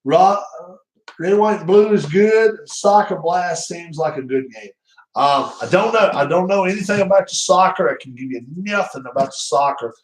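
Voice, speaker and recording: A man's voice: high-pitched, lively intonation, normal speed. A man hosting his own channel, chatting casually on a live stream in a rambling, teasing, jokey manner. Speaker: channel host. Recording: roomy echo.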